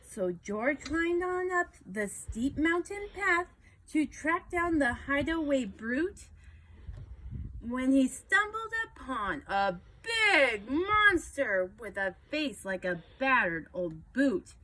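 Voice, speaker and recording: A woman reading a children's picture book aloud, expressive and unhurried. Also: high-pitched, poor audio. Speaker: storybook reader.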